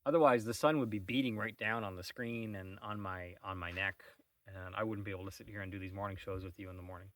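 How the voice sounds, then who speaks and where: A man's voice: fairly low pitch, steady tone, quick pace, fairly bright tone, no echo, recorded from a distance. A man hosting a casual morning vlog, musing and rambling with wry asides while sitting outdoors on a shady farm terrace. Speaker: vlog host.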